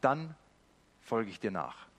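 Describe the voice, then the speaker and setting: A man's voice: fairly low pitch, very animated, takes it slowly, a bit bright, voice pushed down, full character voice. A man voicing a young male heir who pleads to claim his property before following. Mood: pleading. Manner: pleading and possessive.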